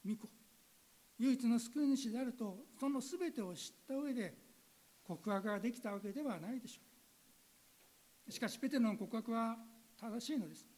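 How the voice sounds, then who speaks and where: A woman's voice: fairly high pitch, moderate pace, pauses often, dark tone, low-quality recording. A woman pastor giving an earnest sermon that asks her listeners direct questions, then leading a spoken prayer.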